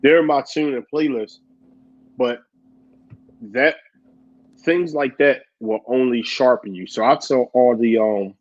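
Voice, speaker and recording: A man co-hosting a casual chat, animated, laughing often and acting out quotes. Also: mid-range voice. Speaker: podcast co-host. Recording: dull lo-fi audio.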